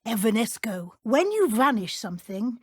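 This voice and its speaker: A woman voicing a brisk, kindly middle-aged witch professor with a British accent and precise, formal phrasing for a video game. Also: a little high, sing-song, darkish tone, husky, no echo. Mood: instructive. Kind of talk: scripted video game dialogue, instructional.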